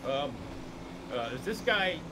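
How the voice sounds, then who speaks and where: Man, casual role-play chat, agreeable, very lively pitch. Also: takes it slowly. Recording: game voice chat with loud car noise.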